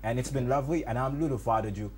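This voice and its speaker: A man's voice: medium pitch, very fast, darkish tone, slight background noise. A man hosting a studio interview, interjecting often with short reactions. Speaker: TV show host.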